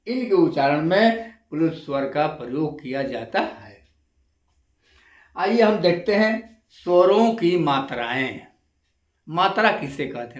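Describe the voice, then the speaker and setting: A man lecturing as a college lecturer, repeating each definition slowly and drawing out example sounds. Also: fairly high pitch, reverberant. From India. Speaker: intermediate college lecturer teaching Hindi grammar. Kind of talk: classroom-style lesson to camera.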